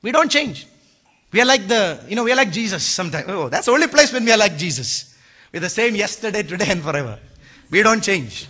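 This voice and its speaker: An impassioned man with an Indian accent preaches a sermon and now and then rises to a shout. His voice sits very high and rings very bright. He keeps putting rhetorical questions to his listeners. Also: sing-song, brisk, husky. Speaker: pastor.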